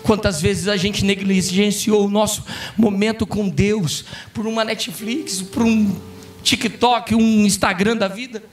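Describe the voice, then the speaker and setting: A male pastor preaching a fervent sermon, breaking into shouts. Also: sits high, fairly even intonation, a little slow, distant mic, soft background music. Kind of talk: impassioned sermon. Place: church conference hall.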